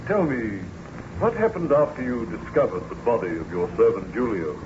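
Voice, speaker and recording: Guy acting as polite concerned ship captain, formal old radio play, lively pitch, lots of noise. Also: normal speed, lightly acted. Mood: courteous, curious. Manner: formal, solicitous. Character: courteous, concerned sea captain listening to a troubled guest. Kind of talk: 1930s radio drama acting. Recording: muffled, noisy old radio recording.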